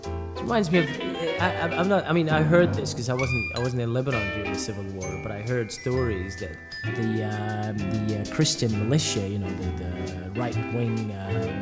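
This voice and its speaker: Halting man with an American twang. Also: lowish voice, big-room sound. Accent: American-tinged English. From Denmark. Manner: halting, many fillers and restarts. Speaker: interviewee. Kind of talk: casual storytelling.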